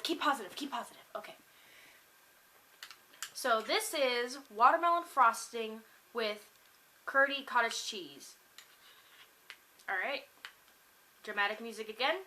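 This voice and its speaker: A woman's voice: a little high, bright, forceful tone. A young woman vlogging casually at home, rambling upbeat with many fillers as she taste-tests food. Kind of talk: casual chatty vlog. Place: home kitchen.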